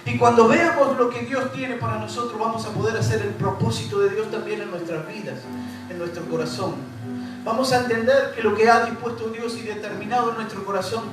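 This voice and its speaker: A man with a Rioplatense accent preaching a sermon as pastor, repeating phrases and speaking straight to his congregation. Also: high-pitched. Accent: Rioplatense Spanish. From Uruguay. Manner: preaching with repetition and rising emphasis, addressing the congregation directly. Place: church hall. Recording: echoey church hall from far off, music behind.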